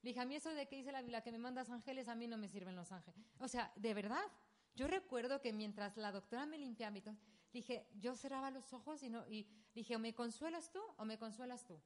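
A woman in her thirties telling a painful personal story as a sermon testimony, halting and emotional with many restarts. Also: a little high. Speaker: preacher sharing a testimony.

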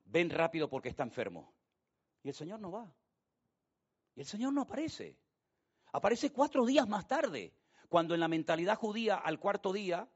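A man preaching a sermon, telling the story with hushed and loud turns. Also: sits high, breathy edge. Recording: dull lo-fi sound.

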